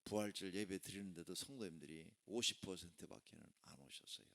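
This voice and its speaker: A man's voice: low-pitched, a little fast, fairly bright tone. A male pastor preaching a sermon, emphatic and conversational, often putting rhetorical questions to the congregation. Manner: conversational asides mixed with proclamation. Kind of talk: sermon at a Friday worship service.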